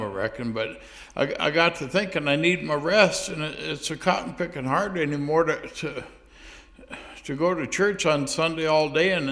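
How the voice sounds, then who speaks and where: In this comic phone-call monologue, a man with a slightly high, fairly bright voice plays a sheepish churchgoer. He hesitates and stammers through excuses to God, restarting again and again.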